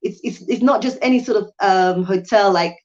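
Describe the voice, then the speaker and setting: A woman's voice: mid-range voice, moderate pace, a little mellow, dull audio. A woman from the UK hosting a live Q&A on her channel, talking in a chatty way with frequent ums and restarts. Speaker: channel host and hotel owner. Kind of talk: live stream Q&A talk.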